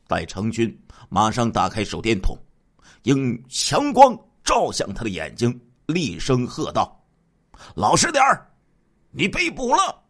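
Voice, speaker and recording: A male narrator tells a true-crime case in a dramatic storyteller's manner. His mid-pitched voice leaps up and drops low as he builds suspense, stretching out sentence-end particles. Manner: animated storyteller, sweeping pitch jumps, drawn-out particles.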